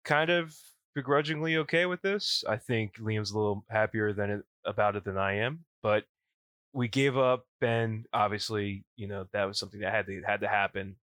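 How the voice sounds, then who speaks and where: A man with a rough, gravelly voice, still recovering from illness, speaking casually and informally as a podcast host. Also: on the low side, moderate pace, fairly bright tone, no echo. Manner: informal, says "yous" for plural you. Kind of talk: casual solo podcast update.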